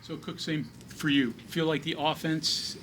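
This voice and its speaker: A sports reporter asking brief, informal questions at a postgame press conference. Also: male voice, a little high, fairly even intonation, a little slow, a bit bright, a little hiss or hum.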